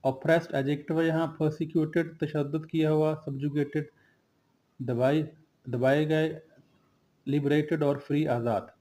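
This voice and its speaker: A man teaches a vocabulary lesson, reading out each word and its meanings in turn. His voice sits a little high for a man but sounds dark and mellow. He keeps an even, flat, unhurried delivery. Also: low-quality recording. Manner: slow and steady, drills word lists with brief glosses. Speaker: English teacher. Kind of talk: vocabulary lesson, listing synonyms and antonyms.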